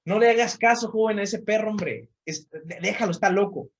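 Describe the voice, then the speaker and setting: A man voicing a wise old man at a cabin who speaks bluntly and with slow, weighty wisdom. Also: sits high, lo-fi sound. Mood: dismissive.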